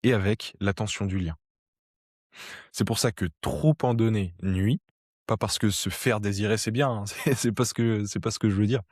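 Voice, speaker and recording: A man with a fairly low voice talks through ideas in a relaxed, conversational lesson. He hesitates and restarts often, filling gaps with little pauses. The recording is dry and close, with no room sound. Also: breathy edge, no room sound. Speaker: sociology educator. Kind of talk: explanatory talk to camera.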